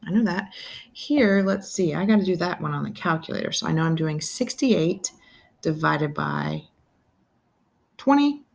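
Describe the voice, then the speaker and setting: A woman's voice: lowish voice, lively intonation, normal speed, vocal fry. A woman teaching a recorded math lesson, thinking aloud step by step and checking in with viewers.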